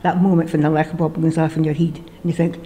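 Woman, broad Scottish accent, dark mellow tone, chatty, self-deprecating, informal radio interviewing. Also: low voice, little pitch movement, quick pace, slight background noise. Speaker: radio show host. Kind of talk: casual interview chat.

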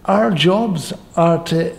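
A man's voice: high voice, slow, vocal fry. A Scottish man chatting casually as an interview guest, speaking with earnest enthusiasm. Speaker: arts organisation director, interview guest.

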